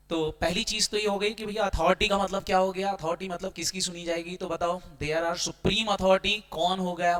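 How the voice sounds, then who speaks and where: High bright energetic male teacher. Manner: energetic, keeps quizzing students with rhetorical checks; mixes Hindi with English terms. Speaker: accounting teacher. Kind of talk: classroom lecture.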